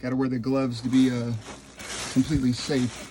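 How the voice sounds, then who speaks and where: A man in his thirties, from Ohio, filming a casual vlog in his laundry room on a handheld phone, excited and rambling. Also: medium pitch, normal speed, a little hiss or hum. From Ohio, USA. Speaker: YouTuber. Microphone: handheld phone, no tripod.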